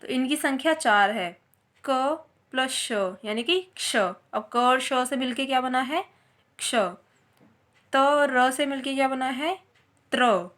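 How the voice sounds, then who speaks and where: A woman's voice: high voice, moderate pace, hardly any pauses, a bit bright. A woman teaching a Hindi grammar lesson, explaining step by step and answering her own questions as she goes.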